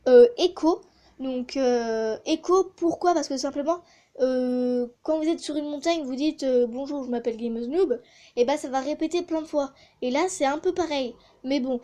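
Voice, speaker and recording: A woman's voice: high voice, mellow. A woman chatting casually in a vlog, with many hesitations, reviewing voice changer effects. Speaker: gaming YouTuber testing a voice changer app.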